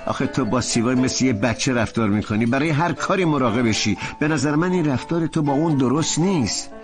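A man dubbing a level-headed husband who reasons gently with his wife. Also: medium pitch, animated, over music, natural voice. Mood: reasoning. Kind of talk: Persian dubbing of a TV drama.

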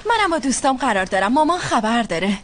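A young woman dubbing a sharp-tongued niece who talks back to her elders with indignation. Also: a little high, sing-song, a little hiss or hum. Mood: defiant. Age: young adult. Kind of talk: dubbed drama acting.

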